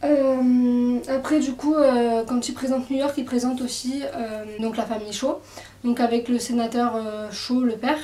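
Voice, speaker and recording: A woman's voice: a little high, steady tone, moderate pace, warm tone, far from the mic, slight background noise. A woman casually presenting a book, hesitant and full of fillers. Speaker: book reviewer. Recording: echoey room, away from mic.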